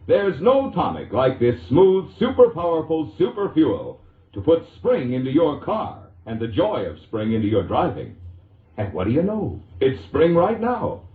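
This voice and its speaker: A 1940s-style commercial voiced by an American man, heard through a muffled, lo-fi vintage radio recording with a roomy echo. His pitch swings lively as he reads polished, emphatic sales copy from a script.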